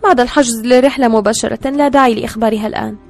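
A woman voicing a bitter, high-strung older sister. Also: fairly even intonation, racing, faint music behind, close to an everyday voice. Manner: bitter, clipped.

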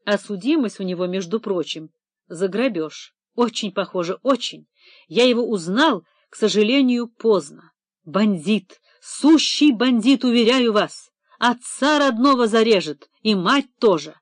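A woman's voice: mid-range voice, measured pace, dry recording, studio quality. Woman playing a trembling, theatrical male administrator. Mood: agitated. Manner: excitable, indignant, voice trembling. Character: nervous, theatrical middle-aged male administrator. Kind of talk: audiobook character reading.

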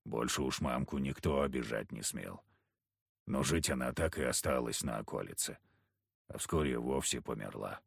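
A man voicing a gruff, sullen big village hunter who grumbles curtly. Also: rumbling low, normal speed, dry recording, studio quality, voice pushed down, exaggerated voice. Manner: grumbling, curt.

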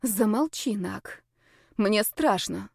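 A woman's voice: mid-range voice, animated, slow, gravelly, darkish tone, slightly rough, no echo, exaggerated voice. A stubborn young witch, as a woman narrator speaks her lines, emphatic and exasperated, pushing her words hard. The sound is dry and close, as in a read audiobook. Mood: nervous. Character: young witch heroine, stubborn and hot-tempered.

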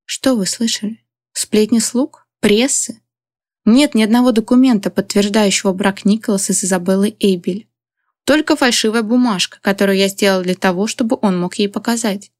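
A woman reading the part of a calm, cold-blooded male henchman on the phone, speaking evenly and without hurry. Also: medium pitch, dry recording, studio quality, lightly acted. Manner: calm, even, unhurried.

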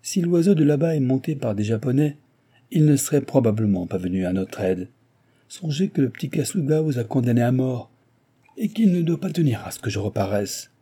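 A man's voice: mid-range voice, expressive, a little fast, warm tone, husky, voice pushed up. A man reading voicing an assertive American adventurer who speaks emphatically. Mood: commanding.

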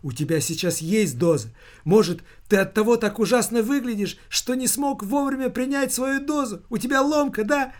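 A man putting on a shrill hysterical mother. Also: measured pace, lightly acted. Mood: pleading. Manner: shrill, pleading, tearful. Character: hysterical anxious middle-aged mother.

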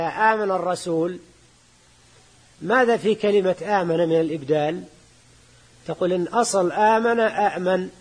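Husky high-voiced sheikh teaching grammar. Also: male voice, a little mellow. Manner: repeats key words slowly, checks students with short questions. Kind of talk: classroom lecture explaining a grammar text.

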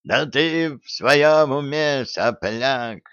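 A man voicing a stubborn old villager who shouts indignantly, in an audiobook reading. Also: mid-range voice, lively intonation, slow pace, no room sound, muffled recording, pitched above the performer's own voice.

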